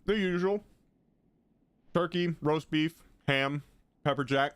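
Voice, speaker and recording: A man's voice: on the high side, slow, a bit bright, clear, resonant tone, dry recording. A young man streaming a game, chatting and joking with his viewers while eating. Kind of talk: casual livestream chat.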